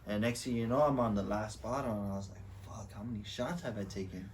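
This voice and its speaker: A young man co-hosting a podcast, telling a profane, animated party story full of quoted voices. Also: fairly low pitch, fast talker, far from the mic, a little hiss or hum. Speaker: podcast co-host. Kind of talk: casual storytelling among friends.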